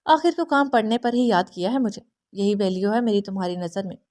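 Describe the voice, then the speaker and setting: A woman's voice: mid-range voice, lively intonation, darkish tone, natural voice. A woman voicing a proud, jealous young woman who speaks in a sarcastic, needling way in an audiobook reading. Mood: sarcastic probing.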